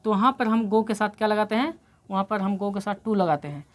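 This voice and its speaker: A woman's voice: medium pitch, a little fast. A woman teaching an English grammar lesson, explaining step by step and often checking that her students follow, and she has a slight cold. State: coming down with a cold.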